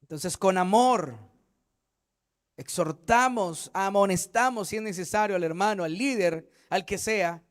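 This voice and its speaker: A man's voice: high-pitched, unhurried. A male pastor preaching a fervent Bible study sermon, acting out what church members say.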